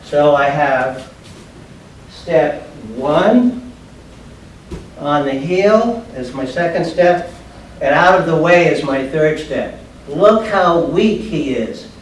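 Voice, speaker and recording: Speaking slowly with frequent pauses, this man in roughly his sixties has a somewhat high, animated voice as he teaches judo. His instructions come in short, plain steps during a demonstration in a big, bare, padded indoor room. The far-off camera microphone leaves the recording echoey and noisy in the background.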